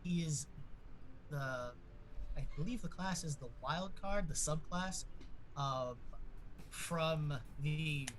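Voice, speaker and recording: A man's voice: a little high, slow pace, pauses often, fairly bright tone, slight background noise, low-quality recording. A man casually introducing himself and his character as a player in a tabletop game. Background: music.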